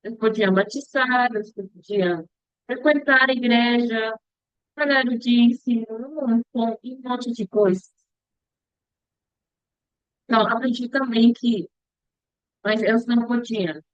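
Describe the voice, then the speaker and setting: A young woman talking slowly and hesitantly in a casual vlog about her upcoming mission, often stopping to search for words and restarting her sentences. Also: fairly high pitch, dry recording. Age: young adult. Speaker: future missionary practicing a language. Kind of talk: casual reflective vlog monologue. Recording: dull, dry lo-fi recording.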